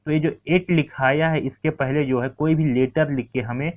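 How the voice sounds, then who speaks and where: A man's voice: fairly high pitch, fairly even intonation, normal speed. A man teaching an English lesson, explaining words step by step and checking in often with his students. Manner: repetitive, checks in with "ठीक है" often. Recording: tinny phone-like lo-fi sound.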